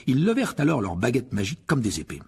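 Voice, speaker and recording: A man reading a children's fantasy novel aloud as audiobook narration, in an expressive storytelling manner. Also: medium pitch, fast talker, slightly rough. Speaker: audiobook reader. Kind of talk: scripted narration.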